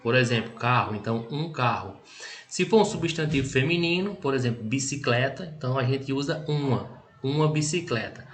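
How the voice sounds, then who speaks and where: In a recorded language lesson, a man with a Brazilian Portuguese accent teaches English in an expressive, mid-range voice. He explains patiently, checks in often, and reads example sentences slowly before translating them.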